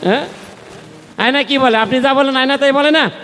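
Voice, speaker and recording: A man with a Bangladeshi Bengali accent preaching a devotional sermon at a temple gathering, telling a story in an animated way and asking the audience questions. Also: very high-pitched, brisk, big-room sound. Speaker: kirtan singer and preacher.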